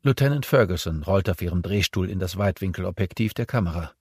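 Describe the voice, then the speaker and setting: Ein Mann liest ruhig und gleichmäßig einen Science-Fiction-Roman als Hörbuch vor. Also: male voice, low voice, expressive, fast, darkish tone, slightly rough, no echo, studio quality. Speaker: audiobook narrator. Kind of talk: scripted narration.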